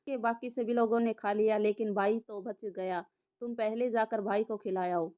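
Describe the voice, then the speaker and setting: A woman voicing a quick-talking young woman who dodges the question. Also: mid-range voice, fairly even intonation, lightly acted. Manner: quick, evasive. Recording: slightly dull lo-fi audio.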